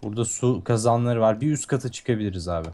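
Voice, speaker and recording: Laid-back young man, lowish voice, Turkish accent. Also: fast talker, mellow. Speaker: co-host gamer. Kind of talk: casual game chat.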